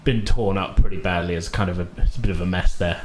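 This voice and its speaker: A man running a tabletop game improvises descriptions and chats casually, his delivery loose, colloquial and hesitant. His voice sits low with fairly even intonation, and he speaks fast. The recording has a roomy echo and faint background noise.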